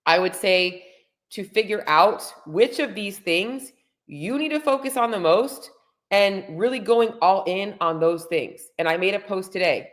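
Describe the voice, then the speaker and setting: A woman in her forties coaching diet and fitness on a livestream, blunt and emphatic, with an over-caffeinated high energy. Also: measured pace. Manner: blunt, salty-tongued. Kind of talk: casual motivational livestream talk to viewers. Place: room at home.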